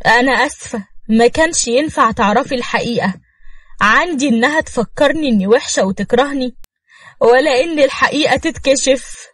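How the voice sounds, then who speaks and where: A woman's voice: sits high, a little fast, fairly bright tone, husky, dry recording. A woman with an Egyptian accent voicing a tearful mother figure who pleads. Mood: pleading. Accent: Egyptian Arabic.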